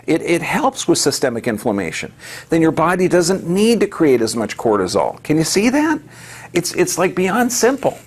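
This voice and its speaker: A man giving an emphatic health lecture to a live audience, firing off rhetorical questions and answering them himself. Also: fairly high pitch.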